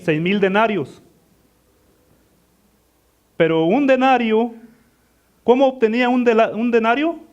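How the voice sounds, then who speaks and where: A man's voice: very high voice, measured pace, pauses often, lo-fi sound. A man preaching a sermon as pastor, asking his congregation questions and answering them himself, often addressing them as beloved. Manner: calls listeners "mis amados".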